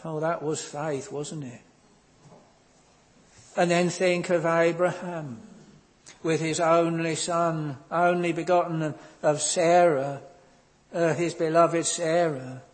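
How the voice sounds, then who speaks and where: A man preaching a sermon in a slow, earnest manner, pausing often and filling the gaps with ums. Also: fairly high pitch, steady tone, big-room sound.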